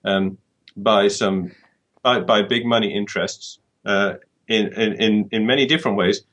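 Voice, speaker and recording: A UK author gives a conversational interview at a measured pace, his voice fairly low and fairly bright. He reasons things through thoughtfully, with frequent restarts and repeated words.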